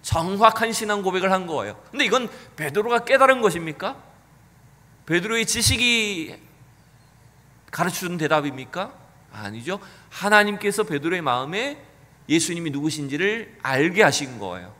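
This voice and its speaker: A man's voice: high voice, animated, moderate pace, pushed and bright. A male pastor preaching a sermon earnestly, asking the congregation rhetorical questions. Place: church sanctuary. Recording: church hall with long reverb.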